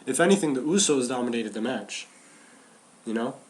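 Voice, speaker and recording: A man's voice: mid-range voice, moderate pace. Chatty man breaking down wrestling. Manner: animated, restarts and repeats phrases. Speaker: podcast co-host. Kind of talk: casual wrestling chat.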